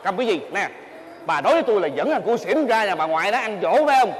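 A man playing a cheating henpecked husband with a Southern Vietnamese accent, making quick, sheepish excuses. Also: high-pitched, sing-song. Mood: defensive. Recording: live stage, hall reverb, faint audience noise.

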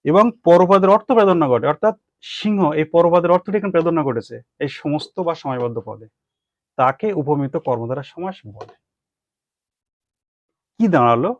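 A man with a Bengali accent gives a grammar lesson in a fairly high voice. He repeats each term, poses questions and answers them himself. The recording is dry and somewhat muffled. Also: fairly quick, long pauses, no room sound. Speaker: grammar teacher.

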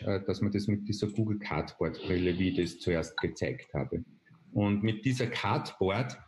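A man, explaining a software tool step by step on a video call, with frequent hesitation fillers. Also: lowish voice, slight background noise. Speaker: presenter. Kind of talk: online webinar demonstration. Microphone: video call webcam.

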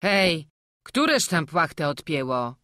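A woman voicing a gruff, suspicious middle-aged man driving a wagon, talking loudly. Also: lowish voice, sing-song, moderate pace, no room sound, clean studio sound, pitched above the performer's own voice. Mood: grumbling. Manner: loud, gruff, grumbling.

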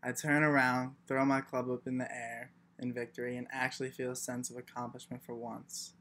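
A young man performing a reflective first-person monologue as a class performance, with a steady delivery and the odd throat clearing. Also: medium pitch, fairly quick. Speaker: student performer.

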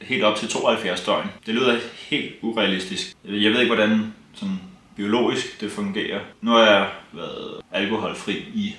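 Seated beside his partner, a young man vlogger talks openly and plainly, a bit wryly, to a tripod-mounted camera in a casual personal chat. His voice is lowish, bright and forceful, with fairly even intonation. The room adds a noticeable echo.

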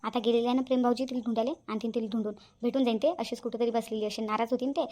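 Cartoon role: a woman voicing a high, fast, exclaiming village daughter-in-law. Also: steady tone, dark tone, natural voice. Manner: exclaiming, gossipy. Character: chatty young village daughter-in-law, fussing. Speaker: cartoon voice actress. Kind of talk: cartoon family drama dubbing.

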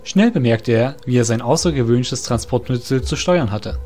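A man narrates a fantasy story in formal, bookish language, his voice at a middle pitch. He reads expressively at a normal speed over quiet background music.

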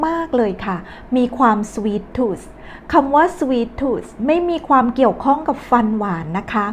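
A woman teaching English phrases in a casual, chatty lesson, slowing down to explain words. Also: a little high, slight background noise.

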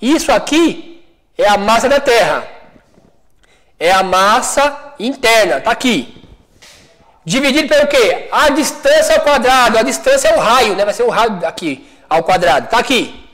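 High-voiced Brazilian man teaching physics. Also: animated, moderate pace, fairly bright tone, poor audio. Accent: Brazilian Portuguese. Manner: chatty, keeps checking if students follow. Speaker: studio teacher. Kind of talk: physics lesson for high school. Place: classroom studio.

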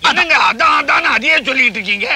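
An actor playing an earnest do-gooder in a comic stage play, protesting and pleading against a villain. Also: male voice, very high-pitched, animated, racing, sharp tone, exaggerated voice. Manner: indignant, pleading, exclaiming in protest.

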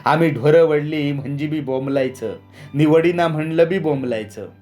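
A defiant village laborer , played by a man reading the story, answers in steady, rustic speech. He stays calm while others shout. Quiet music plays in the background. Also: on the high side, normal speed, pitched above the performer's own voice, natural voice.

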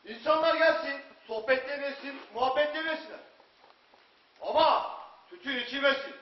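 A man's voice: very high voice, moderate pace. An actor playing a stern, commanding Ottoman sultan in a declamatory stage theatre style. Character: imperious Ottoman sultan, stern but amused. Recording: echoey, muffled, noisy distant stage recording.

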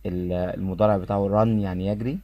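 A man with an Egyptian Arabic accent teaching English pronunciation, repeating each word slowly and clearly for his students. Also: low voice, fairly even intonation, dark tone, no room sound. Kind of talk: pronunciation lesson.

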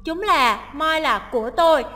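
A woman teacher with a high, ringing voice walks through a listening test. She reads each English sentence and then breaks it down step by step, and a long reverb hangs after her words. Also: lively intonation, a little slow, bright, forceful tone. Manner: explains each option, translating English lines aloud.

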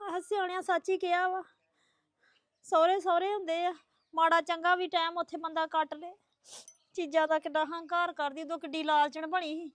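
A woman plays a young married woman who complains tearfully about her in-laws. Her voice is very high and the recording is dry. She sounds hurt and aggrieved. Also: level tone, moderate pace, a bit bright, no room sound. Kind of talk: comedy skit acting.

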